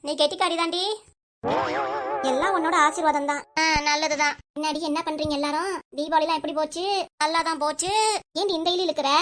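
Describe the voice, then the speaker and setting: A woman's voice: sits high, a bit bright. A woman performing a chatty, teasing village gossip comedy, voicing several women.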